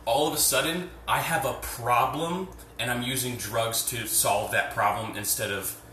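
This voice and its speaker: A man with a mid-range voice talks at normal speed, his tone pushed and bright, recorded far from the mic with a slight hiss or hum. He hosts a podcast on his phone, held away from him without a headset, while doing chores at home, ranting bluntly and profanely in a casual, rambling way full of fillers. The echoey room makes his voice bounce around.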